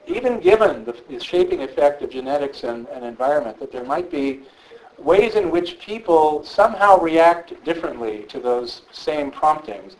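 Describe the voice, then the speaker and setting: A man, a philosopher, answering audience questions in a thoughtful, conversational way, often checking in with a quick "right?". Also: a little high, rough recording. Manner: thoughtful, frequent "right?" tags. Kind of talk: conversational public Q&A.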